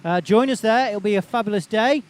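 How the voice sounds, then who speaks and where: A man's voice: high-pitched, brisk. A man working as a tractor pull announcer, giving live, chatty, rambling commentary outdoors. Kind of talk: live unscripted event commentary. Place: outdoors at a tractor pulling event.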